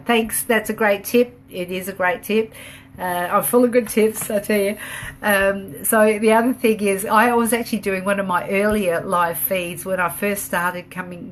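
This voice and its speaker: A woman's voice: mid-range voice, a little hiss or hum. Chatty woman hosting a home live stream. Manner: chatty and rambling, reads out and answers viewer comments; laughs easily, upbeat. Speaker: home business owner hosting a live video. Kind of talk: casual live-stream chat.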